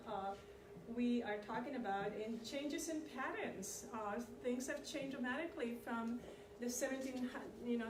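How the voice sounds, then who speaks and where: A Chilean woman of middle age, with a voice a little higher than most women's, presents immigration history to a community audience in a loose, conversational lecture, regularly checking in with listeners. A distant mic catches her from across an echoey meeting room, with steady background noise underneath.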